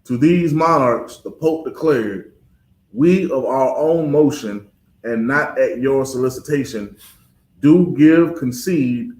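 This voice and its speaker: A mid-pitched man reads scripture aloud at a measured, steady pace. His voice sounds roomy and echoey, coming from a little off-mic. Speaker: scripture reader. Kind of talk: reading aloud texts.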